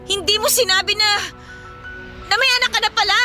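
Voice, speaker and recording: A woman acting in a radio drama as a tipsy, hurt and angry young woman who throws sharp, accusing retorts. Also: very high voice, fairly even intonation, a little fast, music in the background.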